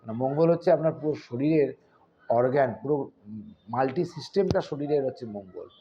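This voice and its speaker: A man's voice: medium pitch, lively intonation, brisk, dark tone. A man talking earnestly to his viewers as an astrologer, explaining at length with fillers and restarts. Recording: slightly dull, faintly noisy.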